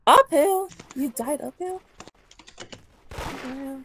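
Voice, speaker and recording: A woman's voice: sits high, drawn-out words, fairly bright tone. A young woman in casual game voice chat, reacting in slangy exclamations. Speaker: online gamer. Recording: noisy voice chat, mouse clicks.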